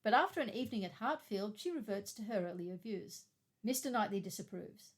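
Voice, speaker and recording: A woman co-hosting a literary discussion podcast, summarizing chapters in a brisk, matter-of-fact way. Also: medium pitch, animated. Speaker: podcast co-host.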